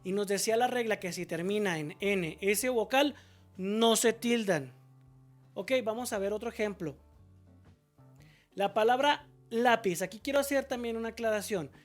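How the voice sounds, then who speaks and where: A woman's voice: medium pitch, normal speed, soft background music. A woman teacher explaining a spelling lesson patiently, asking questions and answering them herself, and drawing out example words syllable by syllable.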